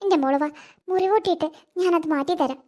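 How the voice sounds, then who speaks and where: A woman voicing a doting, protective old grandmother in an animated cartoon, tender with the child and sharp about others. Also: very high voice, a little fast. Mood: tender, indignant. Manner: tender with the child, scolding toward her daughter-in-law.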